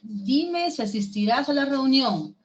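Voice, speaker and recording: A woman's voice: high voice, animated, dull audio. A woman with a Peruvian accent teaching a language class, walking students through each example with questions. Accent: Peruvian Spanish. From Peru. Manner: slow, explains step by step with questions to the class.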